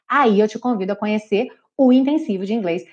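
A woman with a Brazilian Portuguese accent runs a live online English lesson. She drills each sound patiently and repeats words slowly so learners can copy her. The stream audio is dull and lo-fi. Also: medium pitch, darkish tone. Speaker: English teacher.

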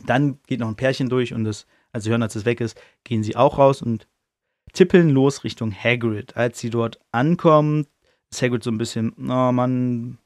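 A man's voice: mid-range voice, normal speed, dry recording, studio quality. Chatty man retelling a story offhandedly. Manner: chatty and offhand, with slang and swearing. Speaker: podcast host. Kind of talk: casual retelling of a book chapter.

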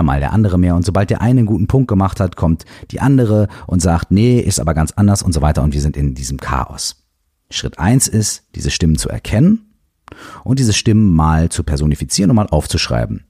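A man hosting a self-help podcast in casual, animated talk, emphatic and now and then swearing, close to the mic. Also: sits low, breathy edge, no room sound. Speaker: podcast host.

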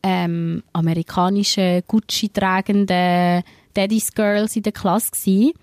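A woman's voice: mid-range voice, slow pace, no room sound. Chatty Swiss German woman, dry close sound. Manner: animated, full of filler words and English slang. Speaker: podcast co-host. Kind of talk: casual chat, storytelling.

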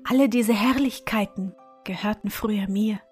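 A woman's voice: mid-range voice, moderate pace, a little mellow, breathy edge, soft background music, natural voice. Woman reading a gracious fairy-tale princess. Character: enchanted young princess, gracious.

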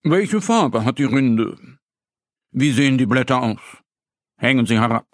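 A man voicing a calm, kindly male deer pharmacist in a children's audio story, gentle and questioning. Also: mid-range voice, unhurried, no room sound, studio quality, close to an everyday voice.

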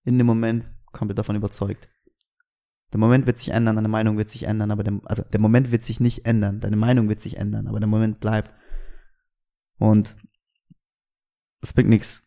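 A man's voice: fairly low pitch, fairly quick, gravelly, long pauses. A young man telling stories in casual, slangy chat as a podcast co-host. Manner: slangy, animated storytelling.

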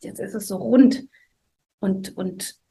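A woman telling an emotional personal story as a mother in an interview, earnest and halting, often dropping to a hushed voice. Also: mid-range voice, gravelly.

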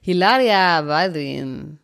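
Chatty woman with a lowish voice. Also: slow, vocal fry. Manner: lively, chatty gossiping. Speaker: podcast co-host. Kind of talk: casual chat.

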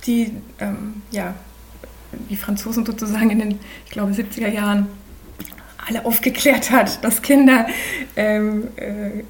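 A woman in her forties from Germany, a podcast guest, talking thoughtfully with many pauses and fillers. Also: medium pitch, level tone, slight background noise. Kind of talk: conversational podcast interview.

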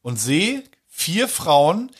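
Animated male co-host, lively pitch, slightly higher voice. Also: extremely slow, husky. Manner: animated storyteller, breaks into loud exclamations. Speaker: podcast co-host. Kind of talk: casual chat.

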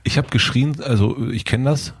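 A man with a German accent hosting a casual talk, speaking haltingly with many fillers and restarts. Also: medium pitch, husky. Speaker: podcast host. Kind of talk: casual conversation.

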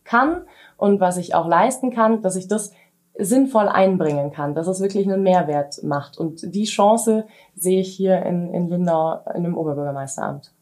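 A woman's voice: lowish voice, moderate pace, darkish tone. A woman in her thirties, a mayoral candidate, answering an interviewer's questions with many fillers and restarts.

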